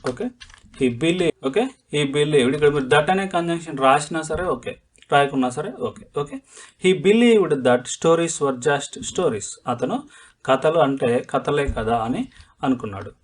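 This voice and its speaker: Telugu-accented guy teaching slowly, repeats every phrase, kinda high voice, keys clacking in back. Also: lively intonation. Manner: explains each word slowly, repeats phrases, drawn-out dictation. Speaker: English teacher. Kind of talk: slow step-by-step language lesson.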